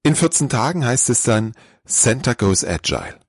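A man's voice: mid-range voice, sing-song, normal speed, breathy edge, no room sound, studio quality. A man hosting a podcast, giving a scripted, lightly playful introduction. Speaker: podcast host.

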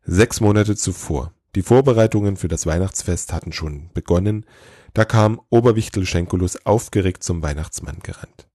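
A man narrates a storybook tale in a measured, even way. His voice is very deep. The recording is close and dry. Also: slightly rough, no echo.

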